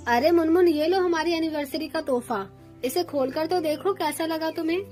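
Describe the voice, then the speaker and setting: A woman voicing a loving young male crow husband who speaks warmly and cheerfully in a cartoon. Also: extremely high pitch, moderate pace, soft background music. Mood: fond.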